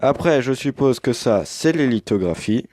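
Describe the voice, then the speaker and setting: A man's voice: mid-range voice, expressive, moderate pace, darkish tone, no room sound. A young man casually commenting as he unboxes a game edition, hesitant with many fillers, recorded on a headset mic. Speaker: unboxing youtuber.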